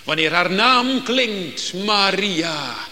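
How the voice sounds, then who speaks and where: A male preacher delivers a sermon at a deliberate, unhurried pace, his voice bright and ringing. He speaks solemnly and builds phrases into swelling, emphatic climaxes. The sound carries a long church reverb. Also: high-pitched, expressive. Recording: long reverb in a church hall, faint background noise.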